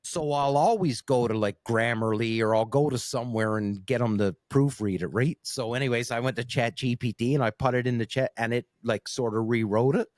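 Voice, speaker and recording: A man's voice: mid-range voice, fairly quick, few pauses, a little mellow, dry recording, clean studio sound. A middle-aged man from Newfoundland with a Canadian accent, chatting casually and bluntly as a podcast host, swearing freely. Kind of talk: casual chat.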